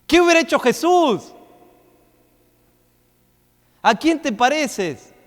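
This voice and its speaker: A man preaching a sermon as pastor, swinging between loud, rising questions and quick asides. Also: very high-pitched, big pitch swings. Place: church hall. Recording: long reverb of a church hall.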